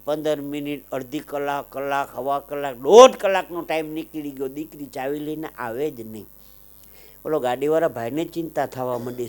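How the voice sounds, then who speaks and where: Man, Kathiawadi Gujarati accent, stage storyteller, dramatic swells, slightly high voice. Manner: dramatic swells, loud declaiming then softer asides. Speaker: folk storyteller and comedian.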